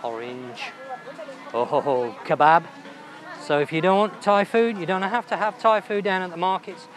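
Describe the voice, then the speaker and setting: Filming on a handheld camera while he strolls, this travel vlogger leads viewers through a crowded outdoor night market. He talks with enthusiasm and wonders aloud about the dishes he passes, his high-sitting voice taking an unhurried pace. Loud outdoor market noise fills the recording.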